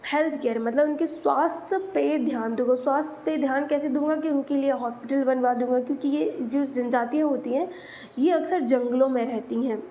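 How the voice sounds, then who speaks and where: High-voiced patient woman teacher. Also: a little fast, warm tone, a little hiss or hum. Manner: patient, explains English words in Hindi and spells them letter by letter. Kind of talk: exam-prep lesson explanation.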